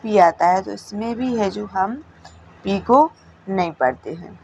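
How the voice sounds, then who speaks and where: Woman teacher, unhurried step-by-step lesson, faint background hum. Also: mid-range voice, vocal fry, warm tone, rough recording. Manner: slow, with repeated checks like "theek hai". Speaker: English teacher. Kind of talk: explaining a classroom lesson.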